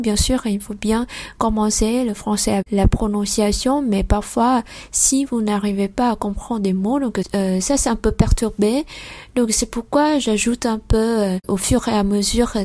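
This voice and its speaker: A woman with a Vietnamese accent hosts a podcast lesson for learners of French. She talks in a mid-pitched voice, explaining patiently and pausing often on fillers as she moves between the two languages. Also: dark tone. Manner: explanatory, with frequent hesitation fillers. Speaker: French teacher hosting a podcast.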